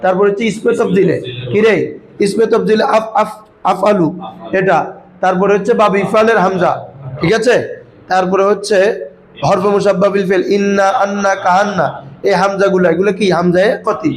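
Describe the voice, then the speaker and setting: High-voiced man teaching a class. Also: fairly even intonation, brisk, poor audio. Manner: questioning students, calling them baba. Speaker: Arabic grammar teacher. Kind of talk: classroom lesson.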